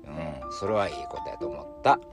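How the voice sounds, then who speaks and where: A man's voice: extremely low pitch, lively intonation, brisk. A man with a Kansai accent musing in casual talk, full of fillers, with music playing behind him. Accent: Kansai Japanese. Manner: chatty, musing, many fillers. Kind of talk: casual spoken commentary.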